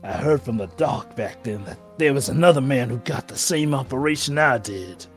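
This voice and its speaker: A man's voice: mid-range voice, expressive, moderate pace, faint music behind, lightly acted. A man voicing a burdened, hot-tempered fighter from a fantasy game, reading dialogue in an emphatic, colloquial way. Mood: brooding. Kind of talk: amateur read-aloud of game dialogue.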